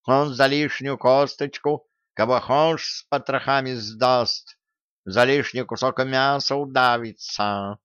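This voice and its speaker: A man's voice: medium pitch, steady tone, slow pace, a bit bright, smooth, no room sound, muffled recording, voice pushed up. Yowling bossy male cat, a man putting it on, dry close sound. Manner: yowling, squabbling.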